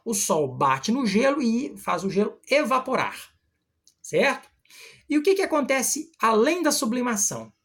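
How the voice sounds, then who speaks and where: Woman, husky voice, lively pitch, literature teacher explaining verses. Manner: explains step by step, slows to read verses aloud. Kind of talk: explanatory poetry lesson.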